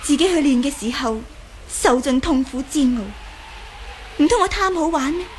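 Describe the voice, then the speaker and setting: In a Cantonese radio drama, an actress plays a bitter, defiant young martial arts woman. Her high voice moves at a moderate pace with light acting and a matter-of-fact mood. Faint background noise sits under the recording.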